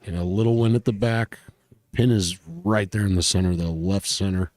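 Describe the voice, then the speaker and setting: A man's voice: sits low, fairly even intonation, normal speed, a little mellow, dry recording. A man working as a golf commentator, talking through a match conversationally and offering his own advice and opinions.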